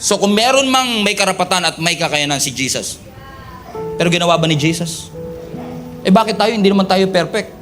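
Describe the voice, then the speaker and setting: Filipino pastor, animated and joking, higher-pitched male voice, soft music underneath. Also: fairly quick. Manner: animated, joking, acts out quotes. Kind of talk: sermon.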